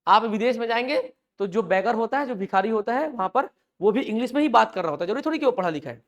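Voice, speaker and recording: In a live online class lecture, a fast-talking man with a high voice and lively intonation chats easily with his students. He asks a question, answers it himself and repeats the word so it sticks, mixing in homely examples and mild jokes.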